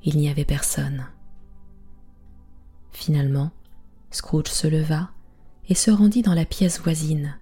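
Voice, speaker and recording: Hushed woman, whispered bedtime storytelling. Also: low-pitched, slow, long pauses, husky, faint music behind. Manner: hushed, soft-spoken.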